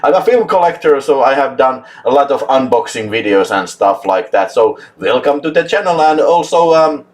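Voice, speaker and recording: A man's voice: medium pitch, lively intonation, moderate pace, few pauses. A man with a Finnish accent hosts a casual live chat with lots of energy. He laughs often and drops swear words for emphasis. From Finland. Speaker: host.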